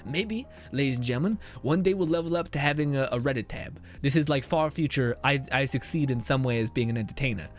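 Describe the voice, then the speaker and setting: Talking fast with hardly any pauses, a young man with a mid-range voice streams a game over faint music. His casual live commentary is filled with laughter and messages read from chat, and he's sometimes out of breath.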